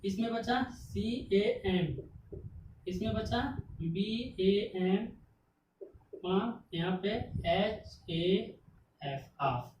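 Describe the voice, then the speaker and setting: With drawn-out words and long pauses, a woman in a mid-range, darkish voice gives a classroom-style English grammar lesson. She spells words letter by letter and answers questions she asks herself. The room is echoey, the mic sits at a distance, and there is faint noise.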